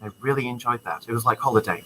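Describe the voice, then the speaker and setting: Speaking rapid-fire in a medium-pitched voice, a young Czech student guest with a Czech accent talks enthusiastically and in a friendly way during a casual interview, sprinkling in many ums. He is in a university computer lab with a crowd audible in the background. The recording is low quality.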